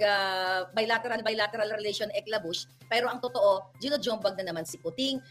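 A woman's voice: on the high side, pushed and bright. A woman hosting a gossipy political commentary vlog, chatty and mocking, using teasing nicknames and laughing often. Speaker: vlog host.

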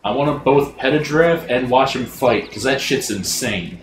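A man's voice: medium pitch, moderate pace, slight background noise. Teasing male streamer in an echoey room. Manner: playful, teasing, with running gags. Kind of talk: casual gameplay banter. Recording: roomy echo with faint game sound.

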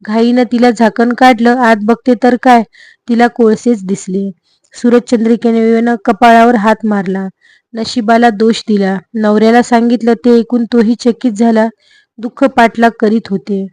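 A woman's voice: on the high side, level tone, unhurried, a little mellow, dry recording. Woman narrating a devotional folk tale. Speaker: storyteller.

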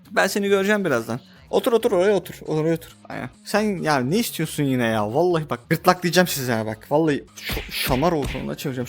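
A man commenting on his VR game in an exasperated, bantering way, with loud outbursts. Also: fairly high pitch. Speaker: gaming video host.

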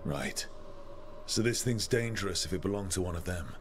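An actor playing a calm, caring adventurer who leads his party in a video game. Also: low-pitched, moderate pace, slight background noise. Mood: inquiring. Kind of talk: video game character dialogue.

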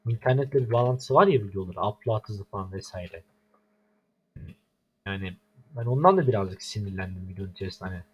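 A man's voice: fairly low pitch, a little fast, pauses often, muffled recording, a little hiss or hum. A young man from Turkey with a Turkish accent, commenting over his own game and complaining in exasperation. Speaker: gaming YouTuber. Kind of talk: gameplay commentary.

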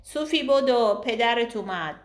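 A gossipy, bantering woman friend in an audiobook, as a woman narrator puts her on. Her medium-pitched voice rings with a roomy echo around it. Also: lively intonation, lightly acted. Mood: calling out. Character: chatty teasing adult woman friend.

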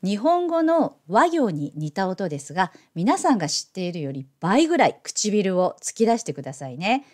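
英語の発音を丁寧に教える女性の先生で、子どもに語りかけるように楽しげに誘導する。. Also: female voice, normal speed, hardly any pauses. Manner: playful, coaxing as if to children; animated, lively pitch. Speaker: English teacher. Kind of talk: pronunciation lesson.

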